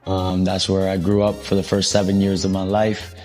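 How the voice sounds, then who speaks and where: A young man born in Colombia, a soccer coach, telling his life story in a casual interview, relaxed and rambling with frequent ums. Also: low-pitched, moderate pace, soft background music.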